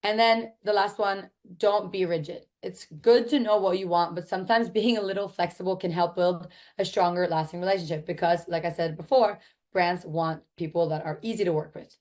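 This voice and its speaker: A woman with a hoarse, raspy, smoker-like voice worn out from talking, teaching a course in an informal, chatty and emphatic way. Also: lowish voice, fairly even intonation, a little fast, a little mellow. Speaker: course instructor.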